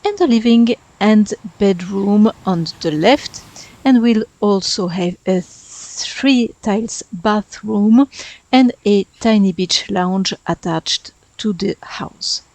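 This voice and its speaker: A native French speaker in her thirties, a Sims speedbuild YouTuber with a French accent, narrates a game build in voice-over, chatty and self-deprecating. Her mid-range voice is slow and darkish, recorded with no room sound but poor audio quality.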